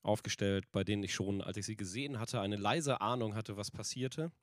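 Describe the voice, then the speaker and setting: A low-voiced man with a hoarse smoker's rasp. He chats casually as a podcast co-host, hesitating and searching for words as he goes. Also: a little fast, no room sound, studio quality. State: hoarse after a night out at a concert.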